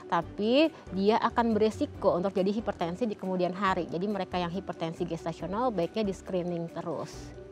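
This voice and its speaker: A woman's voice: lowish voice, steady tone, brisk, music in the background. A woman speaking as a guest doctor, giving informal, explanatory interview answers with emphatic repetition.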